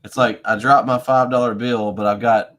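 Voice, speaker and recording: A man's voice: mid-range voice, fairly even intonation, moderate pace, a bit bright. A man hosting a casual wrestling review show, easygoing and fond of homespun analogies. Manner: easygoing, uses homespun analogies, laughs along. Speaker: podcast host.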